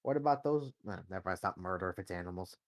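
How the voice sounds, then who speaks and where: A man running a tabletop game as game master, narrating in a relaxed, joking way. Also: deep voice, racing, dry recording.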